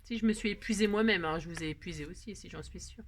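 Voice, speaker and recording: A woman's voice: lowish voice, fast talker, slight background noise. A woman hosting a chatty crafting tutorial, rambling and self-mocking, talking to herself as she works. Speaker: craft video host.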